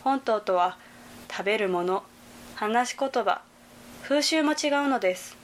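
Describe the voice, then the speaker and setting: Young woman, from Hyogo, scripted narration, careful reading, fairly high voice. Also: animated, unhurried, slight background noise. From Hyogo Prefecture, Japan.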